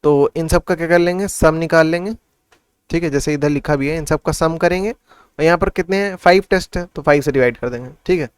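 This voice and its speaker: Maths tutor, male, slightly high crisp voice, talks through sums in Hindi-English, dry close recording. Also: fairly quick, no room sound. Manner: asks and answers his own questions. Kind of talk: casual classroom explanation.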